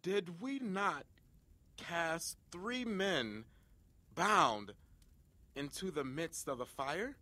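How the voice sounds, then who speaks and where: A man's voice: a little high, animated, very slow, pauses often, bright, forceful tone, no room sound, pitched above the performer's own voice, full character voice. A man playing a proud, hot-tempered king in a dramatic scripture audio reading, declaiming imperiously and stretching words for emphasis. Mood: loud amazement. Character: proud, furious, booming king of Babylon, given to decrees.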